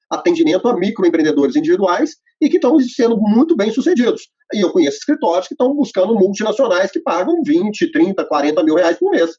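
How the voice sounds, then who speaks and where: Speaking to an audience of accountants, a man with a husky, high-pitched, dark voice lays out instructions one step at a time. His talk is full of fillers, and the sound is muffled and lo-fi.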